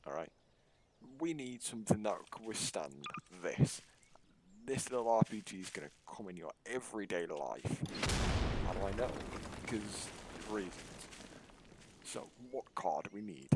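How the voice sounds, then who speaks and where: A man's voice: low-pitched, lively intonation, moderate pace, heavy background noise. A man giving casual, sarcastic, mock-boastful commentary over his own gameplay. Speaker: gaming YouTuber.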